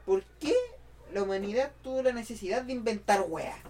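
A man asking animated questions in casual chat. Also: high voice, fast, a little hiss or hum.

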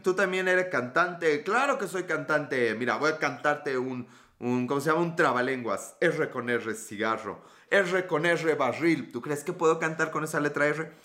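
Bright-voiced joking Mexican man. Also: a little high, moderate pace. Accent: Mexican Spanish. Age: 30s. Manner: joking, profane, reads out chat comments. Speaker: live-stream host. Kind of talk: casual live-stream chat.

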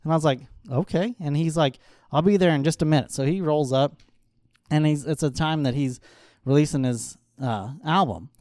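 A man as an interview guest, telling lively stories in casual chat, laughing often and acting out what others said. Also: on the high side, moderate pace, dry recording, studio quality. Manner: animated storyteller, laughs often, acts out quotes.

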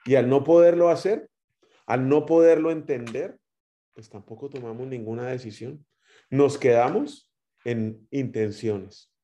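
Warm-voiced Guatemalan preacher man. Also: medium pitch. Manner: storytelling with rising and dropping loudness. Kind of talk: sermon.

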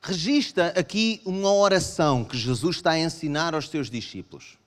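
A man with a European Portuguese accent preaching a sermon to a congregation, animated and acting out his listeners' objections. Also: moderate pace. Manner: animated, acts out voices of the congregation in raised pitch. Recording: long hall reverb.

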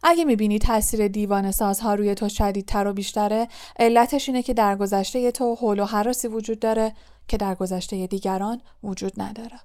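A woman reading the part of a gentle, weary middle-aged male teacher, calm and earnest, in an audiobook. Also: medium pitch, natural voice. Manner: calm, earnest, comforting explanation.

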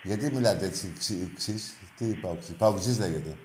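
Low-voiced guy hosting a call-in show, ribbing callers with crude jokes, roomy echo on him. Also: background noise. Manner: teasing and crude, mocks callers. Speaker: radio call-in host. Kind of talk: casual call-in banter.

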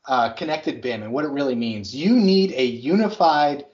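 A man co-hosting a podcast, chatting casually and enthusiastically about construction software, with plenty of fillers. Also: medium pitch, expressive, normal speed. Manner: rambling, filler-heavy, enthusiastic. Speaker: podcast co-host. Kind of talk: casual tech chat. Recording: slightly dull lo-fi audio.

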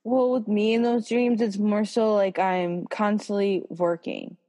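A woman's voice: mid-range voice, a little slow, big-room sound. A woman co-hosting a podcast, chatting casually and swearing freely as she retells scenes. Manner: swears freely, animated retelling with quoted voices. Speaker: podcast co-host. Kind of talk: casual chat.

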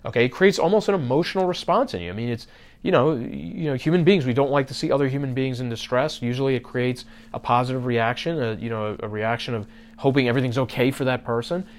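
A man's voice: mid-range voice, fast. A man hosting a podcast, talking casually about marketing to his listeners, with many fillers and restarts. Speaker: podcast host.

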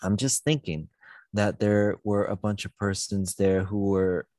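Deep-voiced man musing on scripture. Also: level tone, measured pace, warm tone, dry recording. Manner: thoughtful, searching for words. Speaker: pastor. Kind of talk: conversational Bible discussion.

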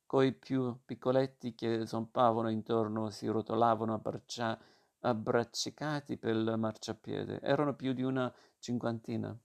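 A man reading a novel aloud as narrator, steady and measured. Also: mid-range voice, creaky.

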